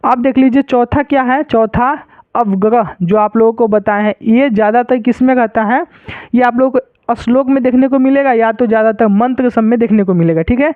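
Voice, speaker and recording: This Sanskrit teacher's voice is very high-pitched and brisk as he explains a lesson, going over points again and frequently making sure his students keep up. The sound is dry and thin, phone-like.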